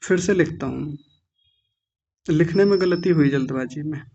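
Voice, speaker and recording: A man teaching an online class, slowly drilling the correct pronunciation of each word. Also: a little high, warm tone, dull audio. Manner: slow, careful pronunciation drill.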